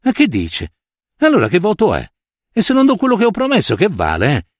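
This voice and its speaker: A man voicing a poor, devout old peasant woman who pleads in a shrill, tearful voice and breaks into quick bursts. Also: wildly swooping pitch, no echo, clean studio sound, heavily acted. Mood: distraught.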